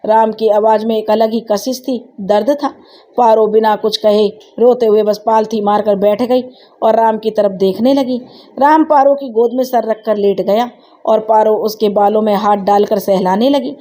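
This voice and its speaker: A woman storyteller narrating a sad family tale in a slow, emotive reading style. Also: mid-range voice, fairly even intonation, mellow.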